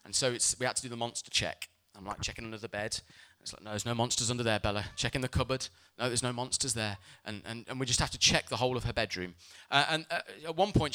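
Bright-voiced male pastor preaching. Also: mid-range voice. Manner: emphatic preaching, mixed with lively personal storytelling. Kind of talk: sermon.

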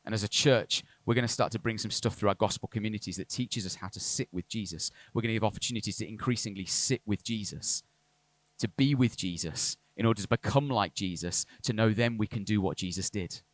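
Northern English pastor preaching. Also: male voice, on the low side, no room sound. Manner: grows animated and quick when excited. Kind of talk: sermon. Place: church service.

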